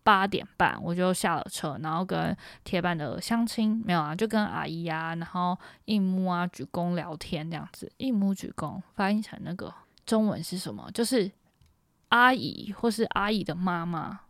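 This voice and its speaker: A woman's voice: lowish voice, expressive, normal speed, vocal fry, no echo, studio quality. A young woman from Taiwan's Matsu islands, hosting a podcast and telling a story in a chatty, rambling way full of fillers and self-corrections. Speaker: podcast host. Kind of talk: casual storytelling monologue.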